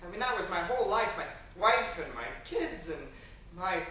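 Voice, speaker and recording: A man's voice: high voice, lively intonation, normal speed, bright, forceful tone. A performer playing a fretful, sentimental divorced father in a stage play, recorded from far off in an echoey hall. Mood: wistful. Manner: fretful and sentimental, prone to tearful outbursts. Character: fussy, weepy, newly divorced father. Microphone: distant room mic.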